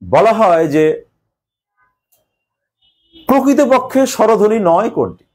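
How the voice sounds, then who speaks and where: A male teacher explaining a grammar lesson step by step, pausing often with hesitations. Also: high voice, sing-song, breathy edge.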